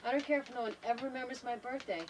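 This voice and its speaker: A woman's voice: fairly high pitch, fairly even intonation, racing, distant mic, background noise. An older woman in a travel trailer, talking thoughtfully and unhurriedly to a home video camera, often trailing off and restarting her sentences. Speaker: wife in a family home video. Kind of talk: casual reflective talk to camera.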